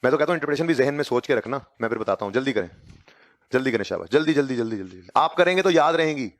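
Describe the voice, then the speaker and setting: A man with a Pakistani Urdu accent teaching accounting in a classroom, dictating notes slowly and urging his students to hurry. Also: medium pitch, expressive, dry recording. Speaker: accounting lecturer. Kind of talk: classroom lecture.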